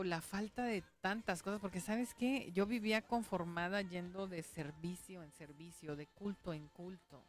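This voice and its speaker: A woman pastor, giving a conversational radio sermon and testimony, earnest, often checking in with her listeners. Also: lowish voice.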